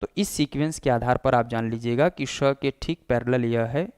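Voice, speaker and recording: Clear-voiced male teacher, dry sound. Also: mid-range voice, normal speed, a little mellow, no echo. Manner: explanatory, demonstrates sounds aloud. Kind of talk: classroom lecture.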